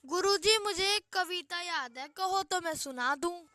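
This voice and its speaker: A woman's voice: extremely high pitch, unhurried, bright, forceful tone, no echo, full character voice. A woman voicing an eager, polite boy pupil asking his teacher's permission in a comic school skit.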